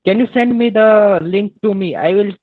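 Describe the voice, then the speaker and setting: A man's voice: high voice, moderate pace. A man with an Indian accent arguing on a phone call, cursing and taunting, repeating himself over and over. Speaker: phone scammer. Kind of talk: heated phone argument. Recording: tinny phone line.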